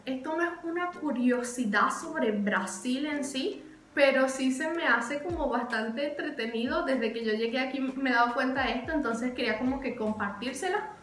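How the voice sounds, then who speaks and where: Speaking in an echoey room, a young vlogger gives a lively, chatty explainer, doubling up words to stress them. Her voice is high and a bit bright.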